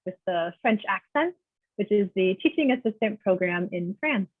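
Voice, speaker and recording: A woman giving a friendly, informative panel presentation on a video call, often pausing with "uh". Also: medium pitch, no echo. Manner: friendly, informative, uses many "uh" fillers. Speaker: panelist presenting a teaching program. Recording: dry, phone-like video call audio.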